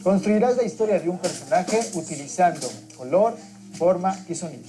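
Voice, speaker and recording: Narrator giving calm instructions. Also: mid-range voice, normal speed. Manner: calm, instructive address to children. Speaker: program narrator. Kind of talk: scripted narration. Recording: TV sound recorded by a home device, with music behind.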